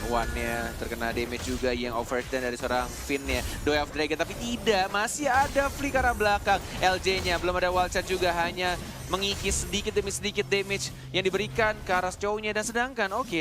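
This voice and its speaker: A man with an Indonesian accent working as an esports caster, giving excited, dramatic play-by-play match commentary. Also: high-pitched, brisk.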